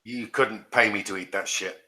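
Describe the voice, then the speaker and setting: Blunt sweary woman, bright forceful voice, teasing friend. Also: a bass voice, fairly even intonation, moderate pace, slight background noise. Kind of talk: casual chat among friends.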